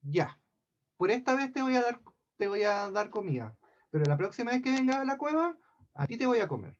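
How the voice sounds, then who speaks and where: A man voicing a cruel, mocking male giant who eats people, in a gruff, threatening way of talking, in a dull lo-fi recording. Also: very high voice, sing-song, brisk, slight background noise, pitched above the performer's own voice.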